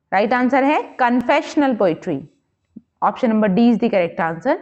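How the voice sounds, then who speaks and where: A woman teacher, running an exam quiz lesson, reading options slowly and explaining them in quick Hindi. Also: sits high, a little mellow. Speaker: English literature teacher. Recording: dull lo-fi recording.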